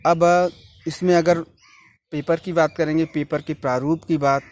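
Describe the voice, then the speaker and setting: A man, a chemistry teacher, reading out a syllabus. He works through a steady list of chemical terms and now and then corrects himself mid-word. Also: fairly high pitch, measured pace.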